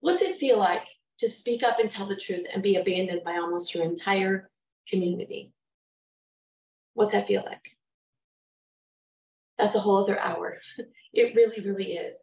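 A woman's voice: mid-range voice, moderate pace, long pauses, darkish tone. A middle-aged woman giving a prepared talk to an audience, impassioned, with emphatic repetition and rhetorical questions. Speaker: public speaker and trainer. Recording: roomy echo, mic from far off.

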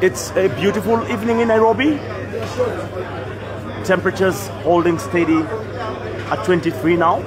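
At a pool tournament venue in Nairobi, a Kenyan-accented man with a high voice gives chatty live commentary on a match for a stream, greeting viewers by name between shots. His intonation is fairly even, his pace moderate, and he leaves long pauses. Loud crowd noise surrounds the recording.

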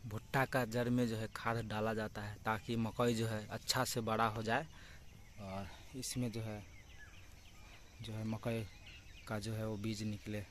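This young vlogger from Bihar, India shows off open farm fields in a casual, repetitive, explanatory way. His fairly bright voice sits on the low side, flat and measured, recorded outdoors on a phone with clear rural background noise.

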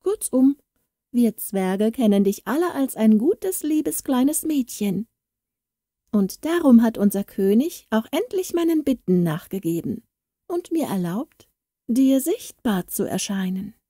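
A woman voicing a small, proud male dwarf who grumbles and lectures, read slowly in a storybook. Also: fairly high pitch, very animated, dark tone, no echo, studio quality. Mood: kindly.

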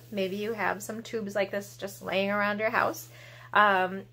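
Recorded in a small home room, a library storytime host in her thirties presents to children playfully, with exaggerated encouragement. Her voice is mid-range and a bit bright.

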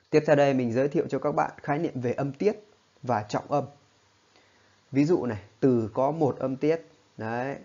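A man gives a spoken lesson at a middle pitch. He explains patiently and keeps checking that his listeners follow along. The recording sounds a little dull and lo-fi. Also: a little mellow. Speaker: English teacher.

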